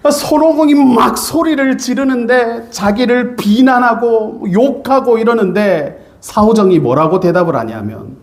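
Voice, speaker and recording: A man's voice: extremely high pitch, measured pace, few pauses. A middle-aged male pastor preaching a sermon, earnest and repeatedly calling out to his congregation. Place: church sanctuary. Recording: echoey church sanctuary.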